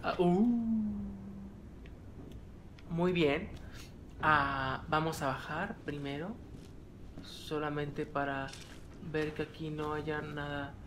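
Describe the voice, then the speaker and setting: A man's voice: a little high, steady tone, drawn-out words, long pauses, fairly bright tone, a little hiss or hum. A man with a Mexican accent commenting on a horror game he is playing. He talks nervously, muttering to himself and yelping at scares. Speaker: let's play gamer.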